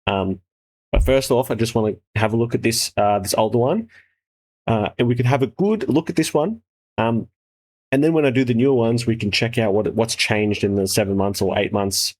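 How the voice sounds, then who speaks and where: A man's voice: on the low side, fairly quick, rough recording. A man hosting a casual trailer reaction with sweary, laddish, slangy enthusiasm. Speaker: host, game developer reviewing trailers.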